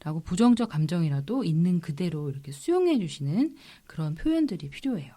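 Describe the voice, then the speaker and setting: A woman child psychiatrist on a podcast, giving calm, measured parenting advice. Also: fairly low pitch. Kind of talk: podcast expert explanation.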